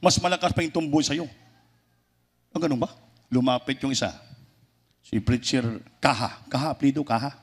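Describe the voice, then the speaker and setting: A man preaching a sermon with a Filipino accent, animated, jumping into loud voices when he acts out stories. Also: medium pitch, moderate pace, pauses often, slightly rough.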